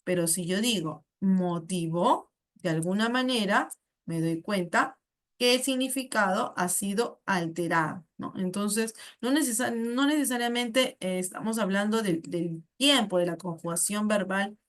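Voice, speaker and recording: A Peruvian Spanish-accented woman teaches through exam questions in a patient, explanatory way. She checks in with short tag questions and corrects herself mid-phrase as she goes. Her voice sits at an ordinary middle pitch. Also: normal speed.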